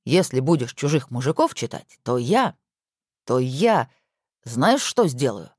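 A woman's voice: very deep voice, big pitch swings, unhurried, a little mellow, husky, dry recording, pitched below the performer's own voice, full character voice. A woman voicing a teasing, self-important rich husband on the phone, with dry mock-pompous humor.

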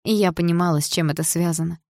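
A woman narrating a novel in the first person, reading in a steady, even storytelling manner. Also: fairly low pitch, fast talker, no echo, clean studio sound. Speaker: audiobook narrator.

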